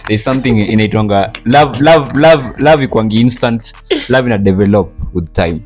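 A man's voice: lowish voice, moderate pace, a little mellow. A young man with a Kenyan accent in casual group banter, telling things emphatically, repeating words and switching between languages. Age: young adult. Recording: background guitar music behind talk.

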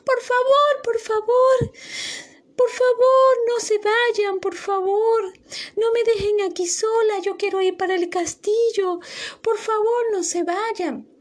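A woman voicing a frightened young princess, begging in a high, pleading voice. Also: steady tone, slow pace.

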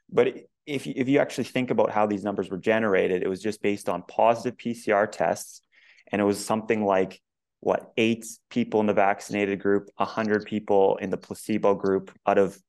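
Male co-host, deep fry-heavy voice, slightly hoarse, deliberate question-asker. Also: fairly even intonation, darkish tone. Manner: measured, many "um" fillers, builds a long question. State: voice going hoarse. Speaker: podcast co-host. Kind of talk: conversational interview.

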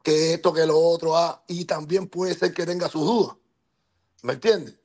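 A man with a Cuban accent talks in a high, ringing voice on a podcast. He is passionate and emphatic and leans hard into every point. He cuts in to keep the floor and keeps asking whether his listener understands. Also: moderate pace, a little mellow. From Cuba. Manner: insistent, interrupts to hold the floor. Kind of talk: heated podcast talk.

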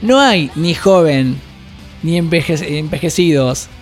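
A man in his fifties with an Argentine accent, a record shop owner telling animated, slangy anecdotes in an interview. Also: a little high, slow pace, faint music behind. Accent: Rioplatense Spanish. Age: 50s. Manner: animated anecdotes, slangy, acts out quoted voices. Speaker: guest, record shop owner and metal musician. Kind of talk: casual storytelling interview.

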